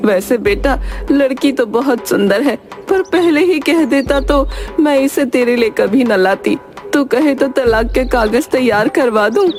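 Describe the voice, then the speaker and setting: A woman voicing a sharp-tongued, mocking middle-aged mother-in-law in a cartoon story, full of taunts. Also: high voice, a little slow. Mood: doting. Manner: taunting, sarcastic jibes. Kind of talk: cartoon voice acting. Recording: voice over background music.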